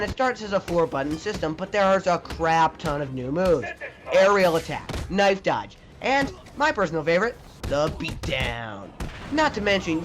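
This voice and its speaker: A man's voice: high-pitched, fairly bright tone. A young man narrating a scripted video game review, enthusiastic and jokey with mild swearing. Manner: enthusiastic, jokey, mildly profane.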